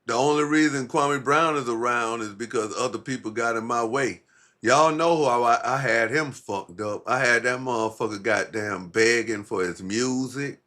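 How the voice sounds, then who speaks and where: A man's voice: mid-range voice, moderate pace, sharp tone. A man hosting a casual, profane livestream, rambling in a laid-back stoner way with heavy slang and swearing. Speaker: livestream host.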